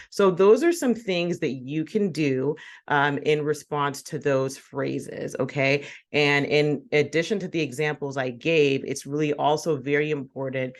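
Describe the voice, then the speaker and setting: A psychologist talks viewers through advice in a steady, teaching way. Their talk is loose and full of fillers, and they often pause to check in with a quick "right?" or "okay?". Key points come back again and again. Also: medium pitch. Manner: many fillers, "you know", "um".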